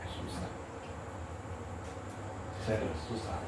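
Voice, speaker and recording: Older male architect-lecturer, animated candid storyteller; roomy, noisy, distant recording. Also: drawn-out words. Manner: animated, candid, laughs while telling stories. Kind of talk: informal talk with storytelling.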